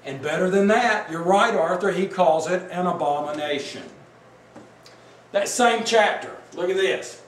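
A man preaches a sermon in a slow, deliberate way, leaning hard on his points and tossing questions out to his listeners. His voice sits high for a man. He sounds set back from the mic in a roomy hall, with a faint hiss behind him. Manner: emphatic, asks the congregation questions. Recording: echoey room, mic at a distance, faint background noise.

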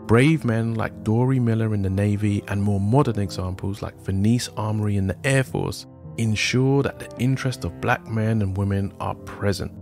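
A man with a low, gravelly voice tells a history story from a script. His asides turn wry and sardonic. Soft music plays faintly behind him. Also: moderate pace. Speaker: podcast host.

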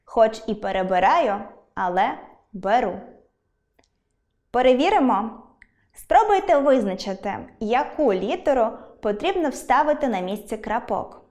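A young woman teaches an online school lesson in a slightly high voice. She explains each rule clearly and patiently, working step by step through examples. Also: expressive, a little slow, darkish tone.

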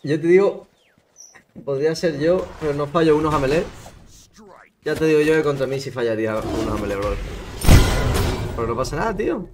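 A man's voice: fairly high pitch, lively intonation, a little fast, long pauses, background noise. A young man with a Spain Spanish accent doing casual gameplay commentary on a live stream, swearing a lot and teasing other players. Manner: swears often, teases other players, laughs at their mistakes. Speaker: gaming streamer. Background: background game music.

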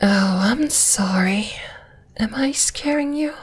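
Taking it slowly in a mid-range voice, a female voice actor whispers as a dominating spider monster that eats flesh in an ASMR roleplay. Her breathy whisper is teasing and menacing, with a gloating, threatening mood.

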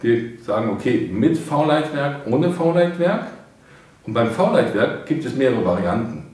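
A middle-aged man reviews a product for hobbyists, informally explaining each step to viewers from a studio desk in front of a painted backdrop. He speaks in a mid-range, sing-song, slightly mellow voice at a measured pace, and the distant mic catches lots of room echo.

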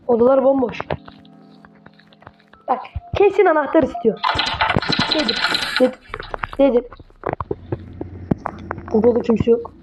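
Brief: woman, gamer voice, high-pitched, jumpy running commentary, noisy home recording. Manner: jumpy, mutters to herself, swears when startled. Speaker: gamer playing a horror game. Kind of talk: casual horror game commentary.

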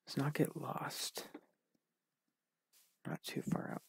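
A man's voice: slow pace, no echo. A man casually commenting on his own gameplay, musing and mumbling to himself. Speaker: let's play gamer.

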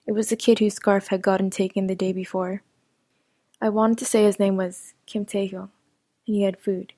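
A woman narrating a first-person audio story in an even, steady reading voice. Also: mid-range voice, dry recording.

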